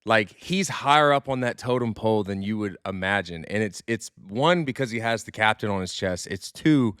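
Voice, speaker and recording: A man's voice: lowish voice, expressive, normal speed, fairly bright tone, clear, resonant tone, no room sound, studio quality. A man hosting a podcast, a former pro athlete talking in a loose, candid way, swearing now and then and repeating words as he restarts. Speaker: podcast host, former pro baseball player. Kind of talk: casual podcast chat.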